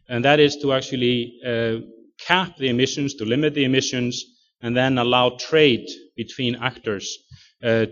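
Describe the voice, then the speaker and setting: A man from Iceland giving a talk over slides, speaking haltingly with many fillers and restarts. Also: mid-range voice. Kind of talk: lecture presentation. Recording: muffled lo-fi recording.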